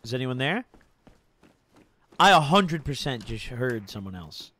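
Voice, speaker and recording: Streaming a game, this young guy talks in a relaxed, hyped frat-bro style, cursing freely and addressing people as "bro," "dude," and "boys." He speaks at a measured pace in a medium-pitched, sing-song voice that sounds pushed and bright.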